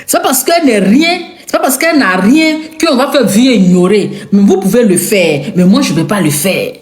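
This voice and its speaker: A woman's voice: medium pitch, animated, normal speed, darkish tone. A woman with an Ivorian French accent giving a confrontational rant to camera. She repeats her lines for emphasis and throws insults. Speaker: online commentator. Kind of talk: angry direct-to-camera rant. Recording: echoey room.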